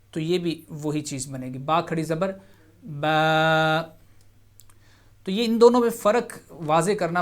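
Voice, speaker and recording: Patient, higher-voiced man teaching Quran reading. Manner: patient, repeats each point, drawing out sounds slowly. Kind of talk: televised Quran reading lesson.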